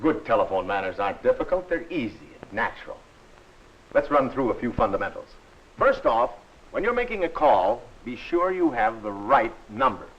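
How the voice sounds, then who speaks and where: A man narrating a 1940s instructional film in a friendly, instructive and measured way. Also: mid-range voice, very animated, husky. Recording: dull old film soundtrack.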